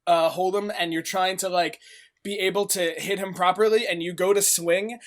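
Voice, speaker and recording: Rambling higher-pitched man narrating as game master. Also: fairly even intonation, normal speed, slight background noise. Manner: rambling, filler-heavy, laughs often.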